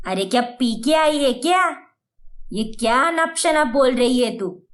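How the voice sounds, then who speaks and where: A woman's voice: high-pitched, expressive, measured pace. A woman voicing a scornful older mother-in-law in a cartoon, who talks in a taunting, mocking way.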